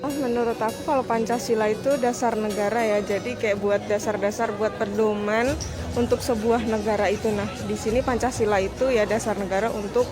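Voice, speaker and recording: A woman from Solo with a light, fairly high voice chats casually through her answer. Music sounds clearly behind her. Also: steady tone, brisk. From Solo, Indonesia. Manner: casual, chatty. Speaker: interviewee.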